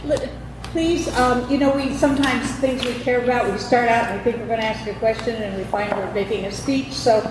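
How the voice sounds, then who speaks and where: A woman moderates a public forum, her instructions winding along with many fillers. Her voice is fairly high and sounds distant from the mic. The hall echoes heavily under a steady background noise. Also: brisk. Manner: meandering, filler-heavy instructions. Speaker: debate moderator.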